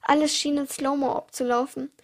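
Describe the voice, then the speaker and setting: A teenage girl reads her self-written short stories aloud on her podcast, her high voice showing little pitch movement at a moderate pace. Small slips and restarts make the pacing uneven.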